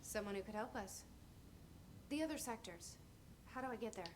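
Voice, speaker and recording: An actress voices a guarded young woman newly put in charge, speaking in short, measured lines in a game. Her pitch sits mid-range, and clear noise runs under the game audio. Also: close to an everyday voice. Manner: terse, measured. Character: guarded young woman, a new agency director.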